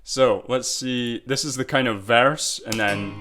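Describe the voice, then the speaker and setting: A man's voice: medium pitch, unhurried, over music. A man, a songwriter, talking casually in a vlog about his album, loose and rambling, often checking in with the viewer. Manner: loose and rambling, with filler words and tag questions. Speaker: songwriter sharing album progress.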